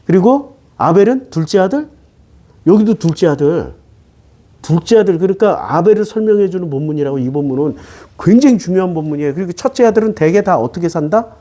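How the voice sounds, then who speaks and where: Lively-pitched Korean preacher, mellow tone. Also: male voice, fairly quick. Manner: questions the congregation, then answers himself; swings between raised and low, soft phrases. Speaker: pastor. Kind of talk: sermon.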